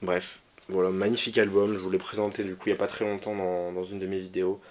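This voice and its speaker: Casual male vlogger, slightly low voice, halting but enthusiastic delivery, light hiss behind. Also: level tone, darkish tone. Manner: hesitant, many fillers and restarts, enthusiastic. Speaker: vinyl collector presenting his records. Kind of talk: casual vlog talk.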